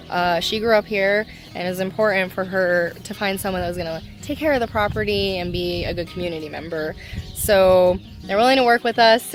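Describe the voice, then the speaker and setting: A woman chatting casually in a home vlog, emotional and laughing often as she rambles about her nursery. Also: mid-range voice. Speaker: homestead nursery owner.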